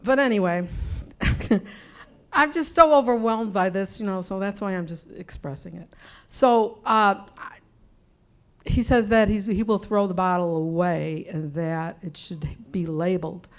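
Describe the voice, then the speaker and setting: A woman's voice: fairly low pitch, steady tone, unhurried. An older woman in the audience telling a personal story at a public meeting, flustered and rambling with many restarts. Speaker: audience member.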